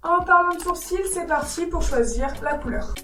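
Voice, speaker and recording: A woman doing a casual makeup tutorial, animated and jokey, quick to act exasperated. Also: extremely high pitch, roomy sound, recorded from a distance, faint music behind. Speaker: beauty YouTuber.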